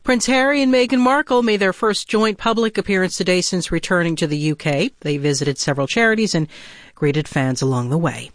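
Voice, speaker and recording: A woman's voice: lowish voice, expressive, brisk, no room sound, clean studio sound. An American woman working as a newscaster, reading scripted national radio news.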